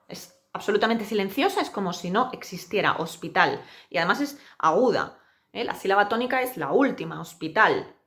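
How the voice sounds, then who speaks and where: A woman teacher giving a pronunciation lesson, saying example words slowly and with exaggerated care. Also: mid-range voice, a bit bright. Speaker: Spanish teacher.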